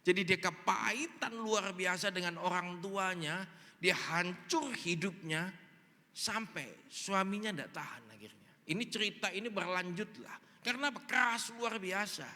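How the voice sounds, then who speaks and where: Bright-voiced pastor preaching. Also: male voice, sits high, unhurried. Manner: animated storyteller acting out dialogue. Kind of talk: sermon with storytelling. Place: large church hall. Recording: long reverb in a large hall.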